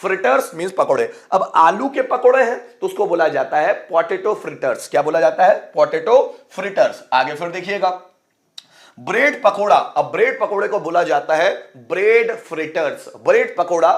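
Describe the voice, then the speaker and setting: A man's voice: high voice, animated, moderate pace. A man teaching English food words in a bilingual lesson, repeating each term with a quiz-style question and spelling words out letter by letter. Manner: addresses viewers as friends and brother.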